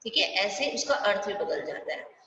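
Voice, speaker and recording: Distant echoey teacher woman, slow and patient. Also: mid-range voice, animated, pushed and bright. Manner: patient, asks the children questions and answers them herself; draws words out slowly when demonstrating sounds. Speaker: primary school Hindi teacher. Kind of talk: online class lesson. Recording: echoey, distant, dull room sound with faint hiss.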